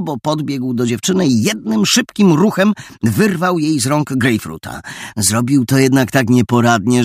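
A man reading a story aloud in an expressive, lively storytelling manner. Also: medium pitch, dry recording, studio quality. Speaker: narrator. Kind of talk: audiobook narration.

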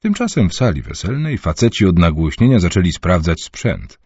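Male audiobook narrator, very deep and husky, lively reading, dry and muffled sound. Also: dry recording. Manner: measured, expressive reading. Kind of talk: scripted narration. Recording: dull muffled recording.

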